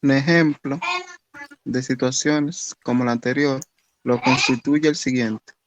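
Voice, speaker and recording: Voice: medium pitch, fairly even intonation, a little slow, no echo. A student reading a textbook passage aloud over an online class call, the voice cutting out as the connection breaks up.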